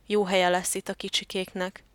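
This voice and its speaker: A woman reading the lines of Otto, a devoted male turtle dove husband who is eager to please his mate, in a soft, earnest storybook voice. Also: medium pitch, little pitch movement, no echo, close to an everyday voice.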